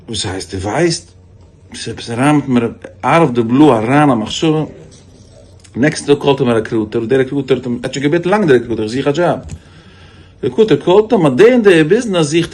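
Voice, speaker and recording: A man, a rabbi, giving a storytelling sermon on faith, restarting phrases often and jumping his voice up for quoted people. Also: medium pitch. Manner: animated, many repeated restarts, voice jumps up for quoted lines.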